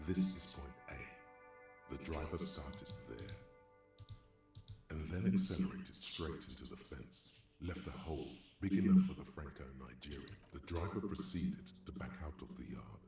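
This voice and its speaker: A male streamer reading game text aloud with commentary, slow and deliberate, sometimes dropping to a whisper. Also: very deep voice, gravelly, echoey room.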